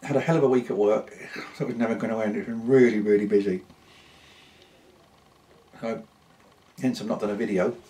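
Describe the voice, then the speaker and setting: Unhurried British man chatting casually. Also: lowish voice, steady tone, warm tone, poor audio. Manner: unhurried, rambling, with pauses. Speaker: pipe-smoking vlogger. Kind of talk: casual unscripted chat to camera.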